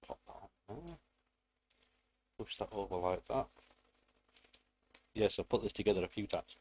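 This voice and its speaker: Low-pitched British man, rambling build tutorial. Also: animated, measured pace, a little mellow, slightly rough. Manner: rambling, self-deprecating, playful asides. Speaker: hobbyist presenter. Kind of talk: casual hands-on build tutorial.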